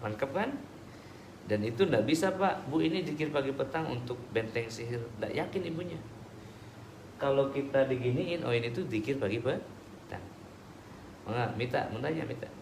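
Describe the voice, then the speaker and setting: A man preaching and answering audience questions in a relaxed, conversational way with everyday examples. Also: medium pitch, normal speed, vocal fry, pauses often. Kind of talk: casual religious Q&A talk. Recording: echoey room with background noise.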